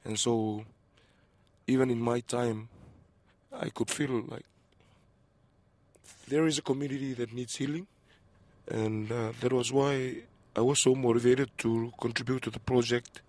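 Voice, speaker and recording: A man from Fiji speaking in an interview, soft and hesitant, reflecting slowly on his community. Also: mid-range voice, fairly even intonation, dry recording.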